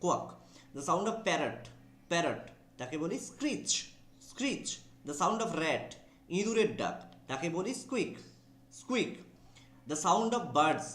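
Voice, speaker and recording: A man's voice: high voice, very animated, slow pace, a bit bright, roomy sound. A man teaching an exam vocabulary class with a Bengali accent, drawling key English words, spelling them out and often checking that students follow.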